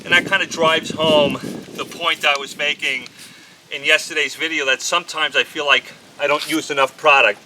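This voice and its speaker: A man with a New York accent reviewing a cleaning product in a casual, candid, quick-talking way, recorded outdoors on a windy day with a camera mic. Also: on the high side, level tone. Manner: talks fast, chatty and candid. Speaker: auto detailer reviewing products. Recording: faint wind and outdoor noise. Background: outdoor ambience and breeze.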